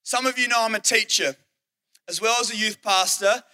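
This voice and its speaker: A young Australian man, a youth pastor and teacher, preaching earnestly and telling personal stories, slowing down to stress key lines. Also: sits high, sharp tone. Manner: earnest storytelling, acts out quoted speech, slows for emphasis.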